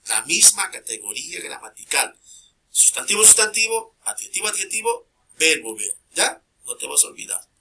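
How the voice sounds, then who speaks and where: Male teacher, grammar lesson, keeps asking if students follow, repeats key words, sharp bright tone. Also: high-pitched, sing-song, moderate pace, a little hiss or hum. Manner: checks in constantly with short tag questions; repeats key terms emphatically.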